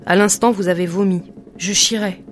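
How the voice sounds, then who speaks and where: A woman's voice: mid-range voice, fairly even intonation, normal speed, close to an everyday voice. A woman reading Marie, hostile and feverish. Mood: defiant.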